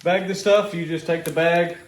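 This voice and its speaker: A man's voice: fairly high pitch, fairly even intonation, normal speed, slight background noise. Easygoing man in an echoey kitchen. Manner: easygoing, rambling, self-joking. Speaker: homestead vlogger. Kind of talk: casual how-to vlog.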